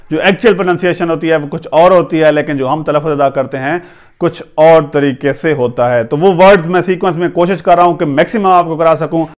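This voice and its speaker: A man with a fairly high voice teaches pronunciation in a steady lesson style. He spells each word out letter by letter, then repeats it slowly several times. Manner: religious greeting opening. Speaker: English teacher.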